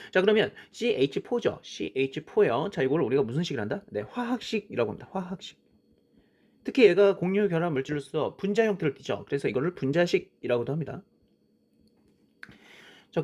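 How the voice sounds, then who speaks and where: A man with a slightly high, darkish voice teaches a science lesson, sketching on a worksheet while he explains. He often opens with "자" and poses questions he then answers himself, leaning on "자" and "그쵸?" as frequent prompts.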